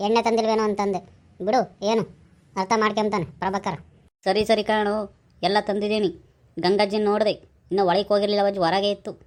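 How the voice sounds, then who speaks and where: A woman's voice: medium pitch, close to an everyday voice. Woman doing a fussy talkative village man. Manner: fussy, correcting, pleading. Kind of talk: village comedy skit.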